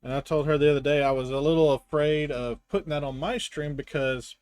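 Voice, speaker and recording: A man's voice: a little high, brisk, a little mellow. Wry Southern man chatting while building. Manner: rambling, self-deprecating, wry. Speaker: live streamer. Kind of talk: casual chat while building a brick set.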